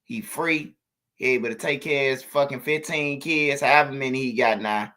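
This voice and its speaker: A man's voice: medium pitch, normal speed, pushed and bright. A man giving blunt, casual commentary on street news, repeating himself for emphasis.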